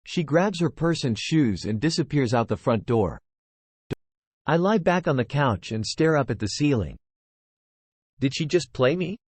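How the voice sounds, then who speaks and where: A man giving a lively, expressive first-person audiobook narration on a close mic. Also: medium pitch, a little slow, pauses often, slightly rough.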